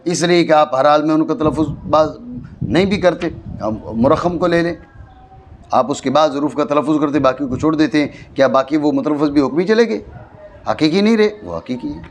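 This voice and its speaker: A man with a Pakistani Urdu accent teaches grammar to a class in a madrasa. He explains point by point, repeats himself, and keeps asking whether his students follow. There is faint noise in the background. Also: a little high. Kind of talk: classroom lesson.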